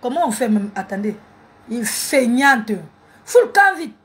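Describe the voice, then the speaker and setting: A woman's voice: fairly high pitch, big pitch swings, a little slow, fairly bright tone. A woman, mocking and scolding viewers in a heated live stream on her phone. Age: 40s.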